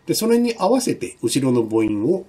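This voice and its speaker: A male university lecturer giving a recorded online lesson, explaining patiently with many fillers and slowing down to demonstrate sounds. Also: medium pitch, sing-song, mellow, breathy edge.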